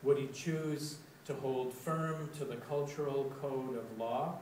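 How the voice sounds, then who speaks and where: A man preaching in a church, his voice at a middle pitch, unhurried and measured as he unfolds a story. The mic sits some distance away, so the sound is roomy and echoing, with a faint hiss underneath. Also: steady tone. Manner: slow, deliberate storytelling, with dramatic quoted outbursts. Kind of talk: sermon reflection. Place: church sanctuary. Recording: echoey church, recorded from a distance.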